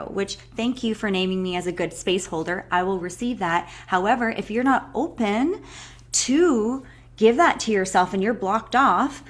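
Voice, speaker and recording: A young woman hosting a live online breathwork call, chatting casually and effusively with many filler words. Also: mid-range voice. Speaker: breathwork facilitator.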